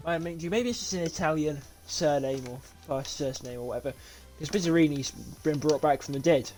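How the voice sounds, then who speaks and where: A young man from Britain chats idly while streaming a car repair game, a little sleepy and prone to restarting his sentences. His voice sits slightly high for a man. He talks into a desk mic at home, with faint music playing quietly behind him. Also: brisk. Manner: rambling, self-talk with frequent laughs and restarts. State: sleepy, yawning. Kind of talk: casual gameplay commentary. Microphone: desk mic with webcam.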